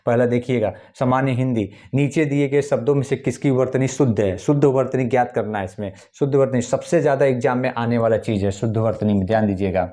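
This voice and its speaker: A man's voice: medium pitch, fast, hardly any pauses, warm tone. A man or teaching an exam-prep lesson, repeating key points and spelling words out syllable by syllable. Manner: addresses viewers as friends, urges them to pay attention.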